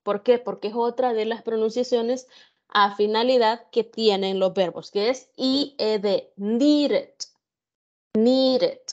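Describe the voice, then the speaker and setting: A woman teaching an online grammar lesson, her voice sitting a little high. She talks very slowly and carefully, checking in with her students as she goes. The sound is muffled and lo-fi, as from a computer mic. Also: fairly even intonation. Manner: slow, careful explaining with examples and questions. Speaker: English tutor. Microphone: computer mic on an online class.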